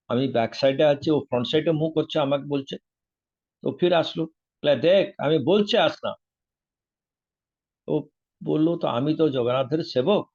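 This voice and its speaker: A man telling a devotional story in a casual, animated way, acting out the dialogue. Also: lo-fi sound. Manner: animated, acts out dialogue with raised pitch. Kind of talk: religious storytelling.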